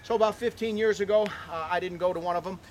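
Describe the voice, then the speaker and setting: Fast-talking folksy man outdoors. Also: high-pitched, fairly even intonation, slight background noise. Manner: folksy, chatty, lots of "okay?" and "uh". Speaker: animal ranch owner giving a tour. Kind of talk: casual storytelling to visitors. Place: outdoors on a ranch near a barn.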